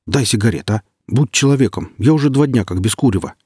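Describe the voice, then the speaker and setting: A man voicing a rough, cynical male stalker who talks loudly and wheedles. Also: medium pitch, expressive, fast, dry recording, clean studio sound, pitched above the performer's own voice. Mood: pleading. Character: hungry cynical male stalker, gruff and pleading.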